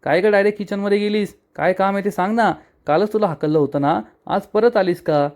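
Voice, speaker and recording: A man voicing a sharp-tongued sister-in-law who taunts and scolds, retold in a serial recap. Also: high-pitched, brisk, voice pushed up. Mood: scolding.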